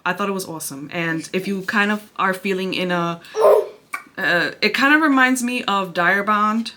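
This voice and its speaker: A woman chatting casually through a book review to camera, sounding breathy and out of breath. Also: mid-range voice, moderate pace, background noise. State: out of breath from pregnancy.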